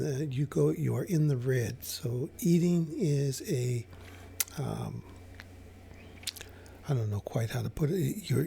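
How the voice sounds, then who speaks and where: A man explaining fasting over slides in a casual, hesitant way, with many fillers and restarts. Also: medium pitch, vocal fry, dark tone, a little hiss or hum. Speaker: health educator.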